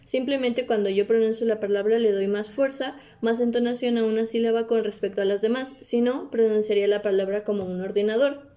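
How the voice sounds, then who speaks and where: A woman presents a class topic in a halting, read-aloud way, pausing on fillers and correcting herself often. Her voice sits a little high with a mellow, warm tone. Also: fairly even intonation. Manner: hesitant, with fillers and self-corrections.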